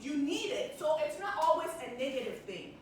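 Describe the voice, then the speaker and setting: A cheerful, high-voiced woman with a Ghanaian accent leads a small, interactive stress-relief workshop, speaking a little fast. She laughs often and pulls the audience in with questions. The mic is far off in a very echoey room with constant background noise.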